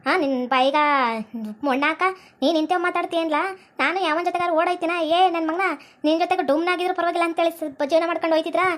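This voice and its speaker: Shrill nagging deaf granny. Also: female voice, steady tone, fast talker. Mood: indignant. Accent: North Karnataka Kannada. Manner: shrill, nagging, melodramatic wailing. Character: meddling deaf old village woman, scolding. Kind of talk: comic family skit.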